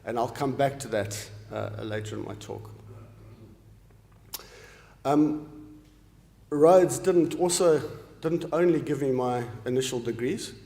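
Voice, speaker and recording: A man's voice: mid-range voice, slow, creaky, pauses often, mellow. A man in his late forties, from Zimbabwe, giving an earnest formal academic lecture, with frequent ums and restarts. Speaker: professor giving an inaugural lecture. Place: large lecture hall. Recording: echoey hall with long reverb.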